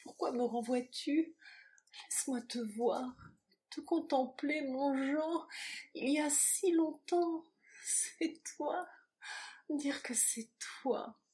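A woman reading the part of a young woman in love, tender and pleading, in a soft, breathy, caressing voice. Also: medium pitch, steady tone, a little slow, few pauses, natural voice.

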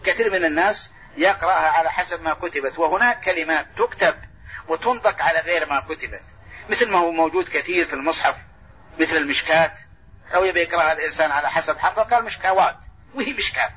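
Quick, bright-voiced sheikh teaching a lesson. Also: male voice, on the high side, breathy edge. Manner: corrects and restates points, repeating phrases. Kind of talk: explanatory lesson commentary. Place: large mosque lesson hall. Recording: dull lo-fi old tape recording.

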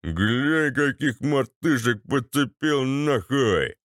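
A man voicing a drunk, boorish ex-paratrooper with a bassy, slurred, swaggering delivery. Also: lively intonation, slow pace, a bit bright, no room sound, clean studio sound. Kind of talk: audiobook character voice.

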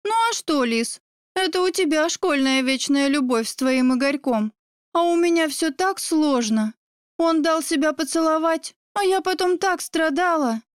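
A woman voicing an excitable young woman with a high, emphatic voice. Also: unhurried, dry recording, studio quality. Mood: chatty.

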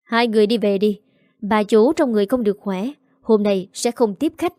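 This is a contemptuous house steward in a storybook tale, read by a woman. He speaks coldly and dismissively, in a dark, mellow tone with a dry, close sound. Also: mid-range voice, normal speed, no echo, lightly acted. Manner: cold, contemptuous.

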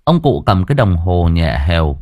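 A man narrating an audiobook in an earthy, colloquial and expressive storytelling style. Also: low-pitched, moderate pace, dry recording, studio quality.

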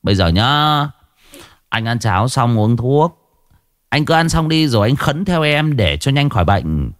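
A man's voice: medium pitch, very animated, a little slow, dry recording, clean studio sound. A man voicing a cunning, sweet-talking young trickster. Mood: coaxing. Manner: coaxing, smooth-talking.

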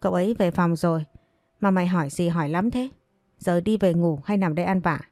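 A woman's voice: on the low side, brisk, darkish tone, no room sound, studio quality, natural voice. A woman voicing a cunning young maid who teases and mocks. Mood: mocking. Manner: teasing, mocking. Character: cunning young maid, mocking, sharp-tongued.

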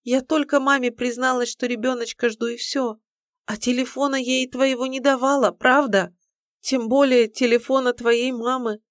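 A woman reading an audiobook, voicing a gentle, anxious young pregnant woman who pleads tearfully. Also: mid-range voice, moderate pace, no echo, clean studio sound, pitched above the performer's own voice, natural voice. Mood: anxious pleading.

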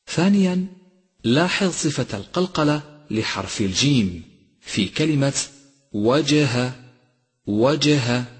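A man's voice: mid-range voice, breathy edge. Man teaching recitation in a reverberant hall. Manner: slow, deliberate demonstration of pronunciation. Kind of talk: instructional lesson with recited examples.

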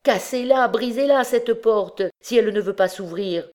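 A woman's voice: on the high side, normal speed, pitched above the performer's own voice, close to an everyday voice. A woman voicing a distraught, grieving man, a rich porter who cries out frantically. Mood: frantic. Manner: frantic shouting exclamations.

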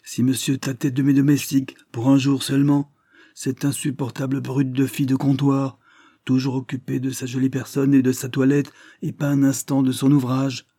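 A man voicing a lively, gossipy, quick-tempered shopkeeper woman in a storybook reading, raising his pitch. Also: slightly rough, no echo, studio quality, natural voice. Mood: indignant.

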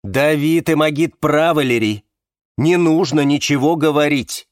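A man reading a novel aloud, voicing an evasive man on a speakerphone who keeps trying to calm everyone down. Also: a little high, measured pace, no echo, clean studio sound, pitched above the performer's own voice. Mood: firm. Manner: placating.

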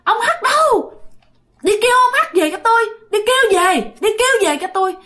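A woman voicing the ghost of a drowned woman who speaks through a man, in a shrill, strange high voice. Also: big pitch swings, brisk, pushed and bright, exaggerated voice. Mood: demanding.

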